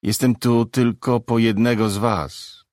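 A man playing a calm, official agent. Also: medium pitch, dry recording, studio quality, lightly acted. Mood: assured. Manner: measured, reassuring, official. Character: calm, authoritative male agent of guilt.

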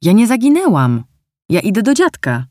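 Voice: mid-range voice, wildly swooping pitch, moderate pace, a little mellow, no echo, clean studio sound, pitched above the performer's own voice. A storyteller voicing a trusting, cheerful young girl in an audiobook, speaking earnestly and plainly. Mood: protesting. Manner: earnest, artless.

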